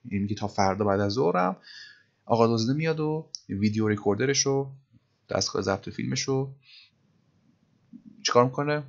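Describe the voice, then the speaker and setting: A man teaching English grammar in a casual, chatty way, reading English phrases out slowly, word by word. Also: medium pitch, expressive, creaky, muffled recording. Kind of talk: casual grammar lesson in Persian.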